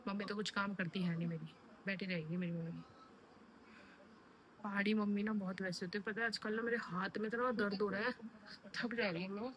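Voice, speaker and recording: Young woman vlogger, tired and chatty, bright voice, filming on her phone at home. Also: mid-range voice, slight background noise. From Uttarakhand hills. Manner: chatty, addresses viewers as friends. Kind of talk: casual vlog chat. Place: home, then outdoors in Delhi traffic.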